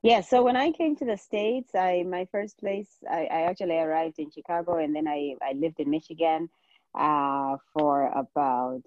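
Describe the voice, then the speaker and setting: Deep and darkish in tone, the voice of a Zimbabwean-accented woman in her forties carries casual interview conversation at a moderate pace. She is a nurse practitioner appearing as a podcast guest, heard on a dry, slightly muffled recording.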